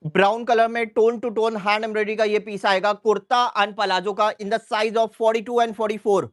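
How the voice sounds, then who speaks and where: High-voiced man pitching clothes live. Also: level tone, fairly bright tone. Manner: repeats sizes and prices in a brisk listing rhythm. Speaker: live shopping seller.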